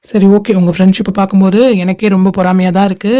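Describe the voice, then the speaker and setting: A protective older brother, voiced by a woman, fusses over his little sister in a mellow, middling voice. He is teasing and a little bossy but always affectionate. It sounds like a homemade drama. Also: medium pitch, little pitch movement, rapid-fire, close to an everyday voice.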